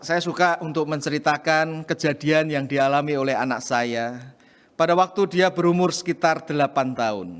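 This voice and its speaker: Brief: middle-aged male preacher, high voice, lively storytelling, church hall reverb. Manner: storytelling, animated rises when excited. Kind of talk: sermon.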